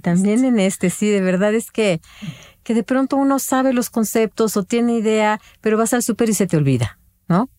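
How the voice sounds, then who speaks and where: A woman's voice: mid-range voice, expressive, normal speed, warm tone, dry recording, studio quality. A woman with a Mexican accent hosting an interview, chatty and easygoing with casual asides. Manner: chatty, friendly, easy asides. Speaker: host. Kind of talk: hosting a talk show interview.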